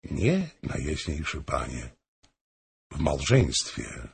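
A man voicing a proud young countess in a storybook reading, speaking quietly and with restraint. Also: very deep voice, huge pitch swings, takes it slowly, creaky, breathy edge, pitched below the performer's own voice, heavily acted. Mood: cool.

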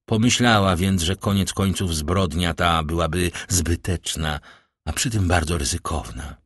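A man's voice: sits low, measured pace, fairly bright tone, breathy edge, dry recording, studio quality, full character voice. A man reading aloud as a grave, fatherly nobleman, speaking in a solemn, reassuring way.

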